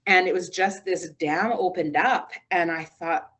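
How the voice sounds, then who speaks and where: A woman's voice: lowish voice, a little slow, slightly rough. A woman in her thirties, a radio morning show host, talking in a casual interview and telling stories with acted-out quotes. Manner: animated storytelling, acts out quoted voices.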